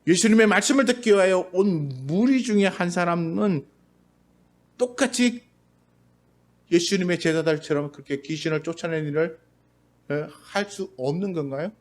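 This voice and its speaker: Male pastor, high-pitched, conversational sermon delivery in a church, drops into quoted voices at times. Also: moderate pace. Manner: conversational preaching, briefly acts out quoted voices. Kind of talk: Sunday sermon. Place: church sanctuary.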